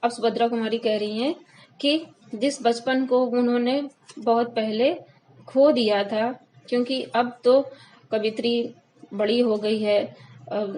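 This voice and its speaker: A woman teacher reading a poem aloud slowly and explaining it line by line for students. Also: a little high, a little mellow, low-quality recording. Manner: reads verses slowly, then explains line by line. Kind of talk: Hindi poetry lesson, reading and explaining.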